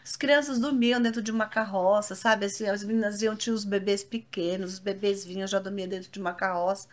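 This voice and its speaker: A woman hosting a casual faith chat, telling personal anecdotes with animated retelling. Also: mid-range voice, fairly quick.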